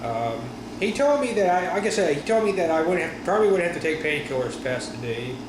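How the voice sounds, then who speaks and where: A man talking casually in a personal vlog after wisdom teeth surgery, with a sore stiff jaw, halting and often correcting himself. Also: on the high side. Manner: halting, rambling, frequent self-corrections. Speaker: vlogger. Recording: roomy echo with steady room noise.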